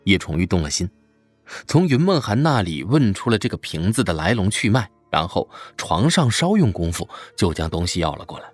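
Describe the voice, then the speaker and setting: A man narrating a fantasy web novel in an expressive storytelling style. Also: deep voice, fairly quick, husky, dry recording, soft background music. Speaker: audiobook narrator.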